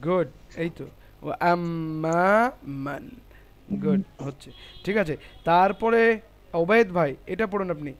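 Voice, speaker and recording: A man's voice: sits high, expressive, moderate pace. A man teaching Quran recitation in an online class, explaining the rules step by step and patiently correcting his students.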